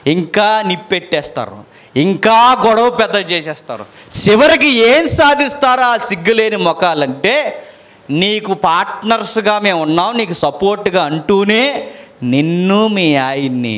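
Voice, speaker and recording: A man's voice: animated, a little slow. Dramatic man preaching with big swings. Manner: dramatic, swings from loud emphatic to low and quiet; asks the listeners questions often. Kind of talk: sermon.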